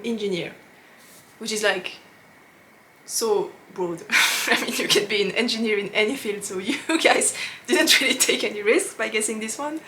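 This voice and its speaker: Speaking to camera in a casual chat, a knitting podcast host with a French accent laughs frequently and uses fillers as she hunts for English words. Her voice runs a little high and somewhat bright. There's slight background noise.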